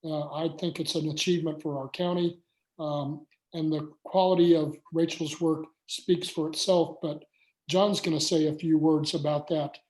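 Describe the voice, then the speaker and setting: A man's voice: on the high side, level tone, moderate pace, darkish tone. A man hosting an online community meeting, talking with many hesitant fillers. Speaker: meeting host. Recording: echoey room.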